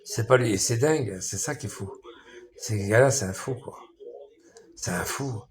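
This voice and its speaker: A man's voice: fairly low pitch, moderate pace. A man ranting on a live stream, mocking and crude, with many restarts. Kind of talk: rambling live-stream monologue.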